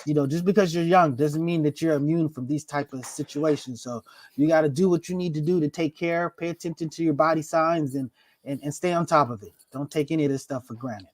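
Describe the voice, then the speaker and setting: A man's voice: on the high side, a little fast, no echo. A man in his fifties hosting a casual panel talk show, easygoing and handing the floor to each guest. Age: 50s. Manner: easygoing, hands the floor around, repeats words. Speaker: host.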